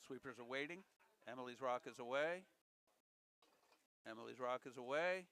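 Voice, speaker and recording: A man's voice: mid-range voice, normal speed, a bit bright, clear, resonant tone. A man giving casual, chatty live curling commentary, with folksy jokes and repeated calls.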